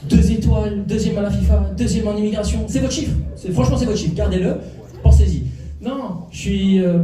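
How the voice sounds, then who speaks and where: On a comedy club stage, a man with a high-pitched but dark-toned voice does a stand-up routine, teasing the live audience and playing off them. The sound is distant and echoey.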